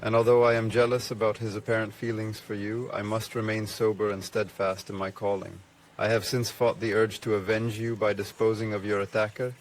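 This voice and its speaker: A man voicing an obsessive male stalker who writes formal, old-fashioned letters, read gravely over music. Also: on the low side, flat delivery, brisk, slight background noise, close to an everyday voice. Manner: formal, archaic, grave reading.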